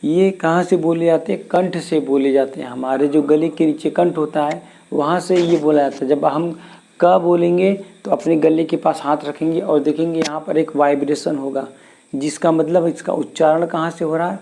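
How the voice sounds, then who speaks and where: A man teaching Hindi grammar in a slow classroom lesson, repeating sounds and asking questions back to his students. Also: fairly high pitch, fairly even intonation, creaky, warm tone, a little hiss or hum.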